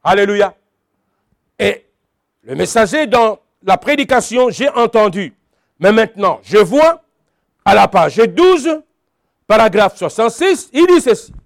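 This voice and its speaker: A man's voice: high-pitched, sing-song, measured pace, gravelly, pauses often, no echo, studio quality. A man preaching a sermon, emphatic and repetitive, calling out to his congregation. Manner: emphatic, repeats phrases, calls out to the congregation.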